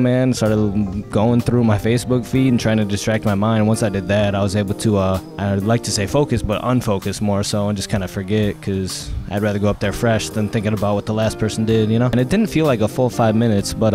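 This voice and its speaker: A young comedian answering interview questions in an easygoing, slightly rambling way. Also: male voice, fairly low pitch, fairly even intonation, a little fast, few pauses, music in the background. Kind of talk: casual interview.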